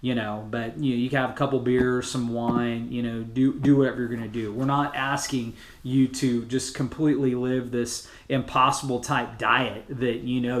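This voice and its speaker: Man coaching casually in an echoey room. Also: mid-range voice. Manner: casual, encouraging, plain-spoken. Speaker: fitness challenge group coach. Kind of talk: informal motivational group message. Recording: roomy, echoing sound.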